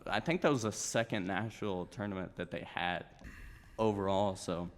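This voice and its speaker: Guest, man, 19, low voice, relaxed storyteller, reverberant room. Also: normal speed, slight background noise. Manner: easygoing storytelling, laughs often. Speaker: guest, grappler. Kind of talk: casual chat.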